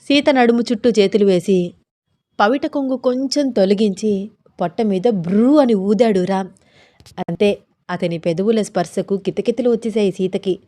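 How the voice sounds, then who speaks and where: A woman narrates a romantic tale in a measured, expressive reading voice. Her pitch sits in an ordinary middle range. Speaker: storyteller. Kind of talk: scripted story narration.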